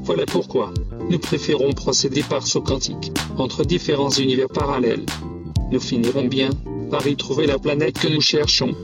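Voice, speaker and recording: Alien engineer played by a man: grave, literal, mid-pitched, sci-fi audio drama over loud music. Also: fairly even intonation, moderate pace, distant mic, natural voice. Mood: solemn. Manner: solemn, abstruse, literal. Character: solemn alien or robot engineer with vocal generator.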